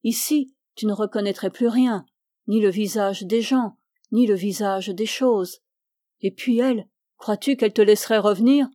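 Devout old captain, earnest and mellow, read by a woman. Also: mid-range voice, moderate pace, dry recording, clean studio sound, close to an everyday voice. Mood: pleading. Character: old male retired captain, devout and stern.

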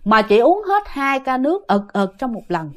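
A woman with a Southern Vietnamese accent telling a ghost story to her listeners in a lively, dramatic, casual way. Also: high voice, normal speed.

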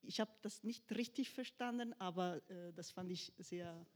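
A woman's voice: fairly low pitch, a little slow, background noise. A woman asking a question in German at a literary event, hesitant and full of fillers.

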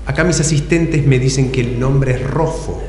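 This is an audience interview at an improv show, recorded in an echoey hall with people present. The host, an Argentine-accented man, speaks at medium pitch and a moderate pace over crowd noise, playfully quizzing someone and repeating their replies back to them.

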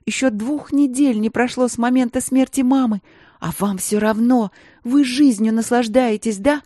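A woman voicing a furious, grieving teenage princess who hurls shrill accusations at her sisters. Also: moderate pace, dark tone, no echo, studio quality, close to an everyday voice.

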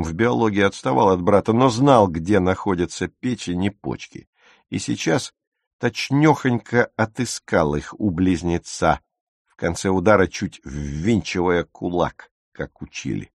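A man narrating an audiobook with a lively, expressive reading on a close studio mic. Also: deep voice, a little slow, gravelly, no echo.

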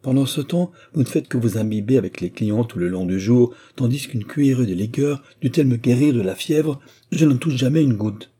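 A man voicing an angry middle-aged innkeeper's wife who scolds in a raised, shrill voice in an audiobook reading. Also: a little fast, warm tone, slightly rough, lightly acted. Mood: scolding.

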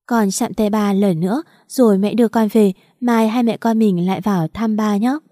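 A woman's voice: on the high side, normal speed, dark tone, no echo, clean studio sound, close to an everyday voice. A woman reading a tearful pleading young mother. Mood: soothing tearful. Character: young mother pleading at her husband's bedside.

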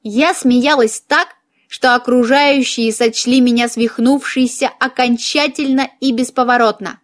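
Чтица юмористического фэнтези, живая и игривая подача, голос довольно высокий. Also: female voice, fairly high pitch, steady tone, measured pace. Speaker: audiobook narrator. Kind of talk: humorous fantasy audiobook narration.

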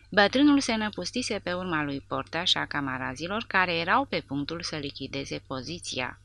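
A woman narrates an audiobook with steady, dramatic delivery. Her voice is low and gravelly, with a bright edge. The recording is close and completely dry. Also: no room sound.

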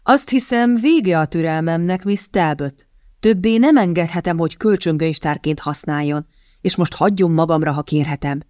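A woman reading the lines of a sardonic young gentleman in an audiobook, in a drawling, teasing tone of mock courtesy. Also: fairly low pitch, no echo, studio quality, natural voice. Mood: curt.

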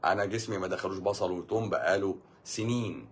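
An Egyptian man hosting a casual live stream, answering viewer comments with quick jokes. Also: deep voice, slight background noise. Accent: Egyptian Arabic. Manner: quick, joking, reads viewer comments aloud.

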